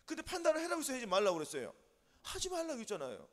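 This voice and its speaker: Animated Korean pastor in a reverberant church. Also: male voice, very high voice, very fast. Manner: call-and-response questions to the congregation. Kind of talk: sermon. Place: church sanctuary.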